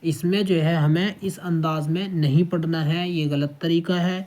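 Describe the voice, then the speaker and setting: A man's voice: on the high side, fairly even intonation, a little mellow. A man teaching children to read the Quran, sounding out each syllable three times and often checking that they follow. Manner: keeps checking with "okay?". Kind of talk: children's recitation lesson.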